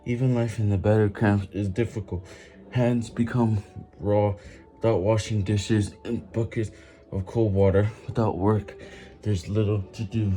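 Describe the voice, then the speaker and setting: A man reading a book aloud while doing push-ups, halting and stumbling over words with some physical strain. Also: on the low side, fairly even intonation, warm tone, a little hiss or hum. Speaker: reader making a daily reading-while-exercising video.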